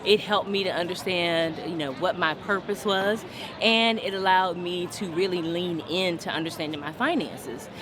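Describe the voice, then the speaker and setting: A woman's voice: on the low side, moderate pace, a crowd in the background. A woman being interviewed tells a candid, reflective personal story.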